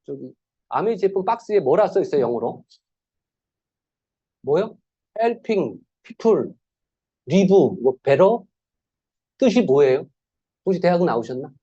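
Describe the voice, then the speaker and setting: A man delivers a motivational sales lecture in a husky, mellow voice, his pitch leaping up and down as he talks. He keeps throwing rhetorical questions at the room and acts out little dialogues. The recording sounds dull and lo-fi. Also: big pitch swings, slow, pauses often. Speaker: sales seminar speaker.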